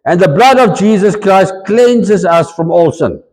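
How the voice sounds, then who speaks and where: A man with a South African accent preaching a sermon as pastor, mixing English and Afrikaans in an animated, conversational way. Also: high voice, measured pace, big-room sound, poor audio. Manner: switches between English and Afrikaans mid-sentence, animated. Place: church.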